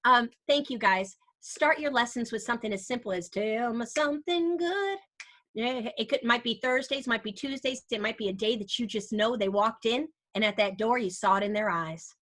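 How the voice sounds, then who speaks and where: A woman teacher presenting an energetic online workshop, bubbly and encouraging, talking to her audience over a video call. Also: on the high side, a little fast, hardly any pauses. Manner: bubbly, encouraging, breaks into bits of song. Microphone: computer mic on a video call.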